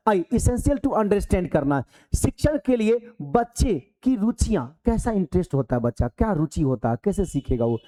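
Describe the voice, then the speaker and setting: A man's voice: high-pitched, warm tone. A male coaching teacher, giving a live online class from the hall of his coaching centre, talking conversationally with rhetorical questions and acting out pupils.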